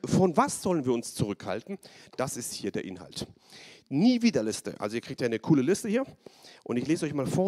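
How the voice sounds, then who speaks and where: A man preaching a sermon to a live audience, animated, with repetition and call-and-response. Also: medium pitch. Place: church hall, live audience.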